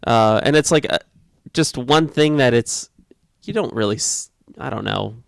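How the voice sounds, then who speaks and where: A man's voice: medium pitch, measured pace, gravelly, smooth, no room sound. A man co-hosting a casual chat, talking loosely with restarts and the odd swear word. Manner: loose, rambling, with fillers and mild swearing. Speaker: co-host. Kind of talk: casual discussion of book versus film.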